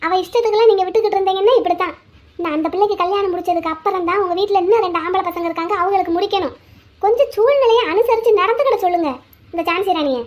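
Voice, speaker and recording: A woman's voice: very high-pitched, rapid-fire. Woman voicing a nagging cartoon mother. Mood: complaining. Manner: complaining, gossipy. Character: nagging middle-aged cartoon mother, gossipy and strict.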